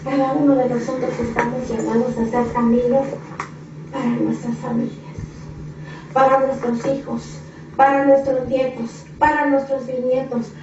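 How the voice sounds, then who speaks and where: A woman's voice: high-pitched, fairly even intonation, measured pace, noisy background. A woman preacher delivering an impassioned sermon in a church, piling up repetitive phrases and rhetorical questions. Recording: echoey dull hall recording from a distance.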